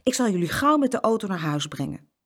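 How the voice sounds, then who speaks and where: A woman's voice: mid-range voice, very animated, fast. A woman voicing a kindly uncle in a storybook, exclaiming in a fatherly way. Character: kindly uncle, fussing and warm-hearted.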